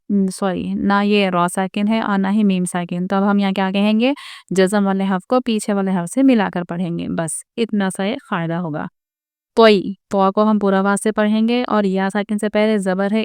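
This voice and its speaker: A woman teaching Quran recitation rules in a patient, methodical lesson. Her voice is very clear and smooth, recorded close up with no room sound. She often pauses to ask her viewers rhetorical questions. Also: mid-range voice, a little mellow, dry recording. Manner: patient, explains each rule and asks rhetorical questions.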